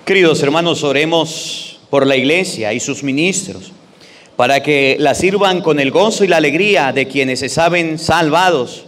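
A man's voice: a little high, moderate pace, a bit bright. A man preaching and leading prayers at Mass, with emphatic, repetitive phrasing. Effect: long church reverb. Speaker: priest. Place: large church. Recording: echoey church hall.

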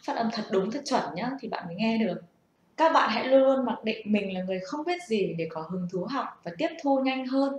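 A woman's voice: a little high, lively intonation, brisk, darkish tone. Young woman explaining, echoey. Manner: patient, explanatory, asks the listener rhetorical questions. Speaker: self-taught English learner sharing tips. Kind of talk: casual spoken lesson. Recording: echoey room.

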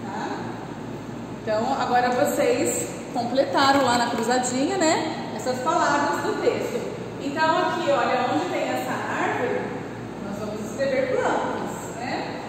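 High-voiced teacher in an echoey classroom. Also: female voice, a little slow, recorded from a distance, background noise. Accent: Brazilian Portuguese. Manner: patient, explains step by step to children. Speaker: primary school teacher. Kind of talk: online class lesson. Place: classroom with chalkboard. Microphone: camera across the room.

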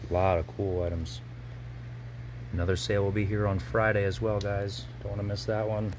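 A man's voice: lowish voice, flat delivery, noisy background. A man previewing auction lots in a gallery warehouse, listing items one by one in short bursts while filming on a phone. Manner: brisk item-by-item listing. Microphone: handheld phone camera.

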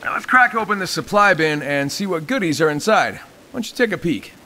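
A tutorial guide character, a cocky male squadmate voiced by an actor for a game, coaches a rookie while teasing and joking in a bouncy way. The delivery is fairly high-pitched, expressive, a little fast, pushed and bright, with slight background noise.

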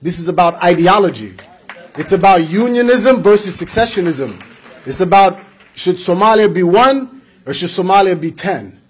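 A young man raised in the US gives a passionate political speech at a community event, using a podium mic on a stand in an indoor hall with flags behind him. His high, husky voice is expressive at a moderate pace, and he gestures while pressing his case through repetition and rhetorical questions.

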